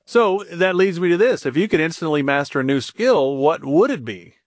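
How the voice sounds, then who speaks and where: A man hosting a radio talk show, asking his guest upbeat rapid questions and reading out a phone number. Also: fairly high pitch, animated, no room sound, clean studio sound.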